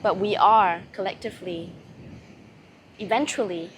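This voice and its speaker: A woman voicing a serene, loving goddess in a channelled spiritual message, speaking solemnly with long pauses between short phrases. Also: mid-range voice, steady tone, a little hiss or hum, natural voice. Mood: loving, reverent.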